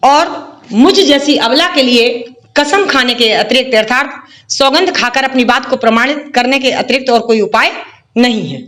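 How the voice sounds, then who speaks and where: High-voiced woman teaching a Hindi poem. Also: a bit bright. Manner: recites verses slowly, then paraphrases briskly. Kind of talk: explaining a poem line by line.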